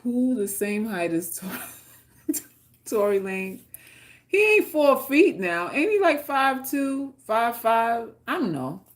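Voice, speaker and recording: Reading chat on her livestream, a Queens woman with a New York accent talks to viewers casually and bluntly, joking and swearing freely in unscripted chat. Her voice is fairly high, with big pitch swings and a slow pace.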